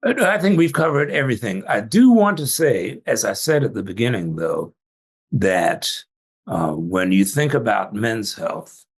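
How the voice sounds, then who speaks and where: An older male physician telling stories in a relaxed interview, laughing often as he talks. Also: fairly low pitch, moderate pace, slightly rough. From Jamaican family, trained in Atlanta. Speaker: physician guest. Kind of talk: casual interview talk.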